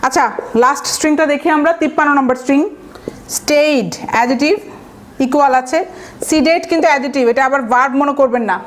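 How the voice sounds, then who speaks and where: A woman with a high voice giving a vocabulary lecture for exam preparation. She walks through each word step by step and spells it out letter by letter. She keeps asking the class rhetorical questions, with the odd filler. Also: steady tone, fast talker. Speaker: vocabulary teacher.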